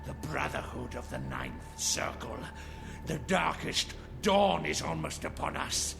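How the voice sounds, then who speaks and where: A man overacting as a crazed, grandiose vampire cult leader in a video game, with a gravelly, breathy rasp and theatrical, preaching menace. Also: fairly high pitch, wildly swooping pitch, unhurried, exaggerated voice. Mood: grandiose, fanatical. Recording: game audio with background music.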